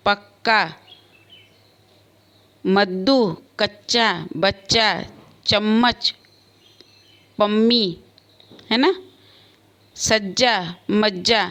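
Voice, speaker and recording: A woman teacher giving an online class lesson, explaining slowly with spoken examples and varied emphasis. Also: mid-range voice, fairly bright tone. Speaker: school teacher.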